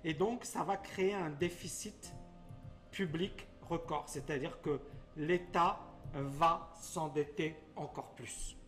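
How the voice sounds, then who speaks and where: A man's voice: a little high, takes it slowly, a bit bright, soft background music. A man hosting a live teaching stream, quizzing his viewers and explaining things in plain terms. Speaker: investment educator, host.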